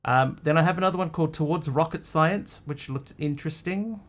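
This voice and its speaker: Talking fairly fast in a slightly high voice, a man who grew up in Australia rambles casually to his stream audience. It's a relaxed live-stream chat, full of hesitation, ums and restarts.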